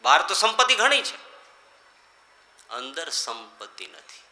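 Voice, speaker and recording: Bright-voiced preaching monk. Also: male voice, very animated, measured pace, echoey room. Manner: rhetorical, swinging between loud emphatic lines and quiet low ones. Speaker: monk giving a scripture discourse. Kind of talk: sermon.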